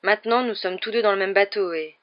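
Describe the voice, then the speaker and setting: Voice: mid-range voice, fairly even intonation, fast talker, close to an everyday voice. A reader voicing an earnest, solemn schoolboy who speaks formally, in a dull lo-fi recording. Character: earnest plump boy pupil, solemn and formal.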